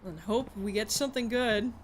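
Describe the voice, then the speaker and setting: A woman's voice: mid-range voice, normal speed, slight background noise. A woman streamer commentating a puzzle game live, swearing and pleading in frustration.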